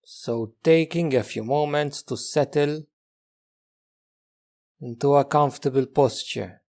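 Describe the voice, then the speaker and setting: Speaking softly and at an easy pace, a man with a mid-range voice leads a guided meditation as teacher, and long pauses sit between each phrase.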